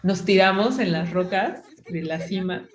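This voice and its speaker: A woman's voice: mid-range voice, unhurried, reverberant. A woman with a Mexican accent hosting a podcast, chatting casually and filling her story with "o sea" and "¿no?". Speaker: podcast host. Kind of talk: casual chat.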